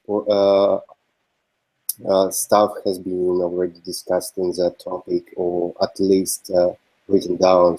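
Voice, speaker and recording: A man with a Russian accent presenting a feature at an online developer meeting, halting and full of fillers. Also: low-pitched, dark tone, low-quality recording. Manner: halting, many fillers and restarts. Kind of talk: casual meeting talk.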